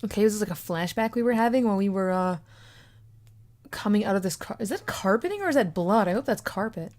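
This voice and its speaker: A woman's voice: medium pitch, expressive, fairly quick, darkish tone. A young woman giving chatty, sarcastic commentary while playing a video game. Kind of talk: casual let's-play commentary.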